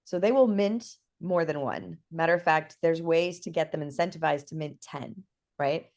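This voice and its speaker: Woman guest explaining stuff, lower voice, super chatty, keeps saying right?. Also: moderate pace. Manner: lively, chatty, lots of "right?" and fillers. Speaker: guest expert on NFT projects. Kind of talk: casual conversational explaining.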